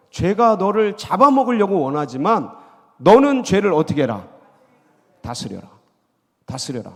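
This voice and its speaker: A man's voice: sits high, gravelly. A male pastor preaching a midweek sermon, acting out scenes and drawing replies from the congregation. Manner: lively, acts out dialogue, calls for congregation responses. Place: church sanctuary. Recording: long reverb of a church sanctuary.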